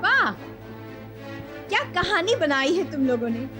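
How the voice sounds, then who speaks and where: A woman's voice: extremely high pitch, sing-song, a little slow, exaggerated voice. An actress playing a suspicious young woman in a TV horror serial, accusing her friends in a sarcastic way. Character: suspicious young woman, sharp-tongued sister. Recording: dramatic background music.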